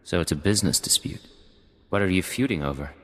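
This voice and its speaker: A man's voice: sits low, expressive, quick pace, big-room sound. A man voicing a guarded undercover agent with a dry manner in a video game. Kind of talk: video game cut-scene acting.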